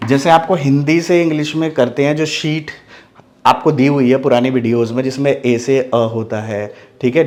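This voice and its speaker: A man's voice: medium pitch, a little mellow. A man teaching English phonics, spelling each word letter by letter and repeating it, asking the class questions and answering them himself. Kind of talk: phonics lesson.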